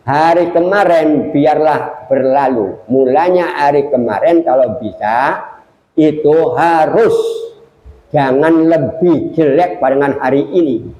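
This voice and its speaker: Older male preacher, fairly high voice, lively and jokey, echoey mosque hall. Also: slow. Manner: lively, jokey, addresses audience directly. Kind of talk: mosque study sermon.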